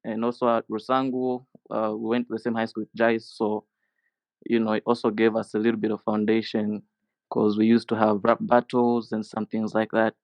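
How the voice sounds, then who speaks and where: A man from Zambia answers as a rapper guest in a relaxed, almost monotone voice. His tone is smooth and the sound is dry and close, with no room echo. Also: lowish voice, moderate pace. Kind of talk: casual interview answers.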